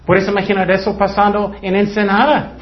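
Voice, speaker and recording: Male preacher, high voice, plain repetitive sermon delivery, dull lo-fi recording. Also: level tone, fairly quick, a little hiss or hum.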